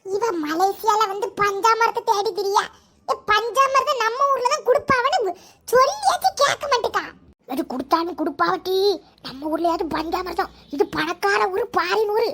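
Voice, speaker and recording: A cranky old cartoon grandmother, as a woman puts her on, grumbling and scolding. Her voice is pitched up very high and squeaky. She talks as if she is always short of breath. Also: lively intonation, normal speed, fairly bright tone. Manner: scolding, complaining.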